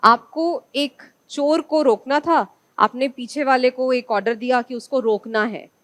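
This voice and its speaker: Woman, teacher, high pitch, dry close sound, lecture with rhetorical questions. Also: measured pace, fairly bright tone, dry recording. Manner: poses rhetorical questions to students and answers them herself. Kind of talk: online exam-prep lecture.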